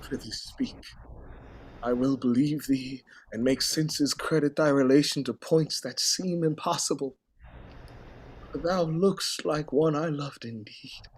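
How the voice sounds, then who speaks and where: Husky, theatrical, grief-worn king. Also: on the high side. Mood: grieving, intent. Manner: theatrical, declamatory, halting, swinging from hushed to outcry. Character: grief-worn, long-suffering king, anguished, hoping and doubting. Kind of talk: classical verse stage acting.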